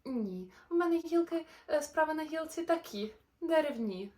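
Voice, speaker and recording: A woman's voice: expressive, moderate pace, a little mellow. Woman doing a timid little koala. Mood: hesitant. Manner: hesitant, pleading, high and strained. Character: timid little male koala, fearful homebody.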